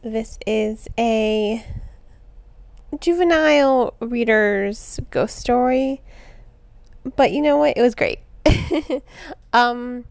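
A woman's voice: on the high side, very slow, creaky, pauses often, a little mellow, no echo. A woman in her thirties, hosting her own show and reviewing a book in a chatty, enthusiastic way, with lots of fillers and restarts. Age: 30s. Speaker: book reviewer, podcast host.

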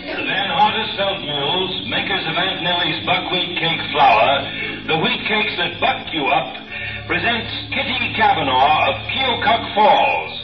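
An old radio show announcer heard through a radio set. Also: male voice, high-pitched, very animated, measured pace. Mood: dramatic. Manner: smooth, dramatic soap-opera narration. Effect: old radio show playing from a radio set in the room. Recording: distant, echoey, lo-fi radio sound with music and crowd behind.

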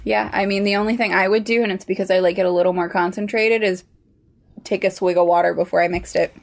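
A woman's voice: mid-range voice, fairly even intonation, fast, vocal fry. A woman co-hosting a podcast, chatting casually while taste-testing food, with blunt, grumbly reactions as she chews. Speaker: podcast co-host. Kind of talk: casual chat, food tasting.

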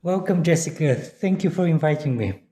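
A professor from Bulgaria speaking as a guest in an interview, thoughtful and hesitant, with many fillers. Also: male voice, fairly high pitch, expressive, moderate pace, mellow, reverberant. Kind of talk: academic interview.

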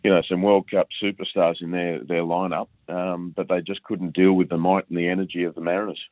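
A man's voice: sits low, little pitch movement, fairly quick, dry recording. A man talking over the phone as a football analyst, in casual chat, hesitant with lots of uh and um and repeated words. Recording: tinny phone line, dry.

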